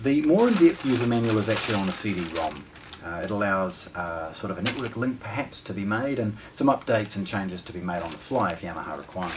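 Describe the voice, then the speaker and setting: A hi-fi shop presenter, a man in his forties with a New Zealand accent, unboxes a product in an informal, explanatory way, often pausing partway through sentences. His voice is fairly low and expressive; the setting is an indoor room with disc shelves and a wooden table, recorded from a distance with noticeable background noise.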